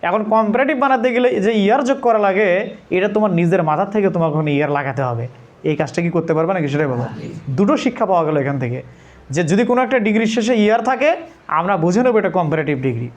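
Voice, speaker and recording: Fast, high-voiced male teacher drilling a class. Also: lively intonation. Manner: repeats questions to pupils, drilling. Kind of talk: classroom lesson. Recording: loud classroom crowd noise. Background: class of children answering in chorus.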